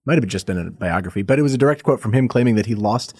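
A man joining a casual podcast chat, relaxed and chiming in briefly. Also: on the low side, very fast, husky, no room sound, clean studio sound.

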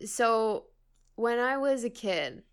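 A woman's voice: on the high side, lively intonation, takes it slowly, heavy background noise. A woman in her twenties co-hosting a podcast, chatting casually, rambling through stories with giggles and plenty of swearing. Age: 20s. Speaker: podcast co-host. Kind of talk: casual chat.

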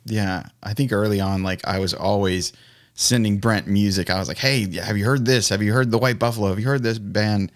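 A man's voice: on the low side, steady tone, a little fast, no echo, clean studio sound. A man chatting casually as a podcast guest, telling things in an informal, anecdotal way.

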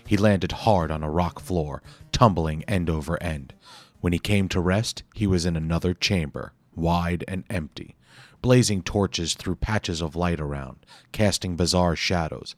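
Deep-voiced man reading an audiobook. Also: measured pace, soft background music. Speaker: audiobook narrator. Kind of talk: scripted audiobook narration.

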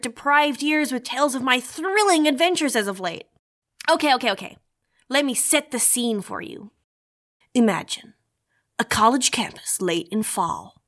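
A woman's voice: a little high, fairly bright tone, natural voice. A woman playing a boastful young superhero who hosts a radio show in an audio drama, with a theatrical, melodramatic, slangy delivery. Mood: grandly boastful. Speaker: host of an in-story news show. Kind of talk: audio drama acting, mock-epic radio narration.

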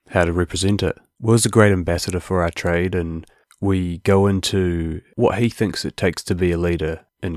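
A man's voice: deep voice, darkish tone, dry recording, clean studio sound. A man with a broad New Zealand accent hosting a casual podcast interview in a matey, informal way. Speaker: podcast host.

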